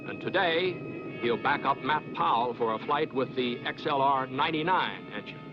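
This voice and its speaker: A male film narrator reads formal, measured documentary-style script. His voice sits fairly high, on a dull soundtrack with clear music underneath.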